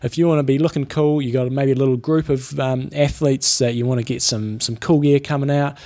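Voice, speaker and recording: A man with a New Zealand accent co-hosts a sports podcast. He talks quickly at an average male pitch, in an informal, slangy way, as in a casual chat between training mates. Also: fairly even intonation, mellow. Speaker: podcast co-host.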